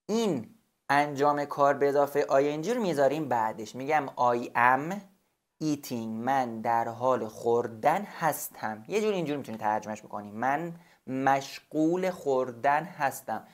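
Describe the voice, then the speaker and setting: A man teaching a beginner language lesson, patiently repeating and spelling out each example slowly. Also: medium pitch, animated. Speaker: English teacher.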